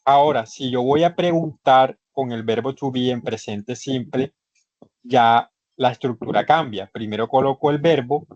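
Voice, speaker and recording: Male teacher, online class, unhurried and patient, repeats every step; dry, somewhat dull call audio. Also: mid-range voice, a little mellow, no echo. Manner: patient, repetitive step-by-step explaining. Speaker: English instructor. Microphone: computer microphone in a video session. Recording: slightly muffled online session audio.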